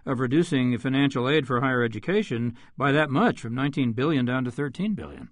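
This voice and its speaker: A man's voice: medium pitch, no echo. A man hosting a radio panel, asking questions with many fillers and stumbles. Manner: halting, stumbles over names, many fillers. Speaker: radio host.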